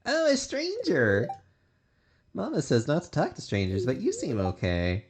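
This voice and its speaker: A woman voicing a naive, trusting small child from a video game in an innocent, drawn-out way. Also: sits low, wildly swooping pitch, a little mellow, slight background noise, voice pushed up, exaggerated voice. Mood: innocent, curious.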